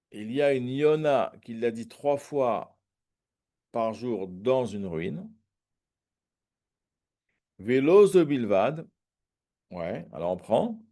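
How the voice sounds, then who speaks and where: A man's voice: mid-range voice, dark tone. A man teaching a Talmud lesson, reading each phrase and then translating and explaining it. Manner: hesitant fillers and restarts.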